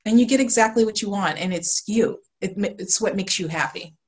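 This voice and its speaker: A woman's voice: mid-range voice, fairly quick. A woman guest on a video call talking about her design work, gushing and full of fillers. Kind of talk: casual interview.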